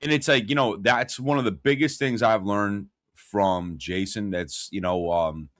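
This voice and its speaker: A man's voice: on the low side, measured pace, a bit bright, no echo, studio quality. A man co-hosting a casual chat, laid-back and affectionate, with many fillers.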